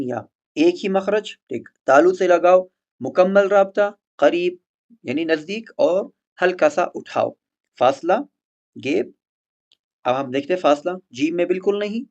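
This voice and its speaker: Male Quran tutor for a recorded lesson, methodical and repetitive, slightly raised pitch, muffled lo-fi sound. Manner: patient, repeats example words slowly, mixes in English terms. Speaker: Quran tajweed teacher. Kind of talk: explaining letter articulation in a recorded lesson.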